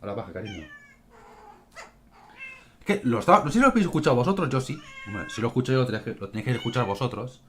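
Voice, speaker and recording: A man's voice: mid-range voice, racing. A man with a Spain Spanish accent gives casual gameplay commentary, swearing freely and speaking straight to his viewers from home. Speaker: gaming streamer. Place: home room with cats. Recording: home recording with steady background noise.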